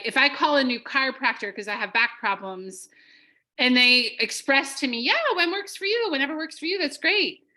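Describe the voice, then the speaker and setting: A woman's voice: on the high side, sharp tone, poor audio. A woman leading a live online sales training, energetically drilling scripted phrases with her group.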